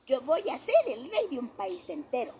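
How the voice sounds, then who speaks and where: A woman's voice: high-pitched, wildly swooping pitch, normal speed, dark tone, a little hiss or hum, voice pushed up. A woman voicing a stubborn, boastful four-year-old boy who insists he will be king, in a storybook reading. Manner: stubborn, triumphant. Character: boastful little boy dreaming of being king.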